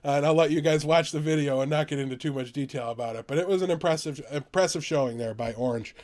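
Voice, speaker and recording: An American man co-hosting a gaming podcast, chatting casually and excitably, quick to laugh. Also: on the high side. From United States. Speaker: podcast co-host.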